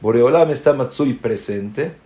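A man's voice: mid-range voice, a little slow, warm tone, reverberant. A man giving an emphatic religious class, mixing Hebrew terms into his speech and posing rhetorical questions. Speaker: rabbi giving a Torah class. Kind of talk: religious lecture.

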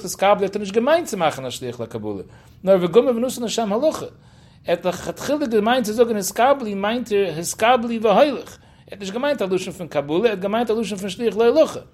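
A man giving a Talmud study lecture, reasoning aloud and posing rhetorical questions as he works through the text. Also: sits high. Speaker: Talmud teacher.

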